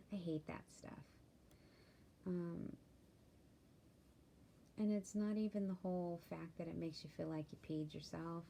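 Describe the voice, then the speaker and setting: Tired woman, low gravelly voice, flat delivery, soft and hesitant, slips into whispers, candid vlog update, faint hiss behind. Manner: tired and worried, soft-spoken, many ums, drifts into whispers. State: sleepy, yawning. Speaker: vlogger sharing a health update.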